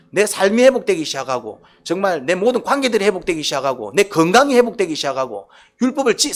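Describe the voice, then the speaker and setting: Animated high-voiced Korean pastor preaching. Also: male voice. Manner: animated, keeps asking the congregation questions. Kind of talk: sermon. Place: church.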